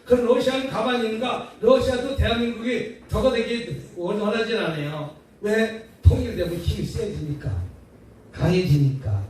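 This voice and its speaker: A man's voice: sits high, darkish tone. A male pastor preaching a revival sermon in a prayer house hall, speaking in a folksy way with rhetorical questions and call-and-response lines that draw answers from the congregation. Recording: very echoey hall, distant mic, faint noise.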